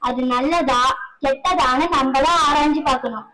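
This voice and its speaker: A gentle, devoted mother speaks in a high, soft voice, voiced by a woman. She sounds pleading and tender. The story plays out as a family drama. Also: normal speed, slight background noise, rough recording. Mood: tearful.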